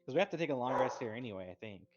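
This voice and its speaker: A man's voice: mid-range voice, lively intonation, racing, music in the background. Giggly male player on a dull mic. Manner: laughs often, easygoing. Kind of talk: casual chat at a tabletop game.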